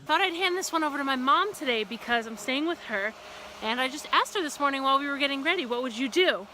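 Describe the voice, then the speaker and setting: Woman, high bright voice, chatty vlog aside, faint ambience with a vehicle behind. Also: animated, fast, slight background noise, poor audio.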